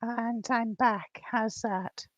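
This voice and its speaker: A woman's voice: on the high side, steady tone, slow, no echo, highs cut off. A woman co-hosting a casual livestream chat, her voice coming through glitchy, robotic voice-chat distortion. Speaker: livestream co-host asking questions.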